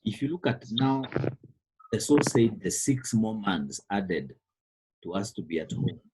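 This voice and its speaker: A man's voice: lowish voice, big pitch swings, unhurried, background noise. A man with a Kenyan accent teaching a biology lesson to an online class, repeating words and stressing key terms. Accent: Kenyan English. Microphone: computer microphone on a call.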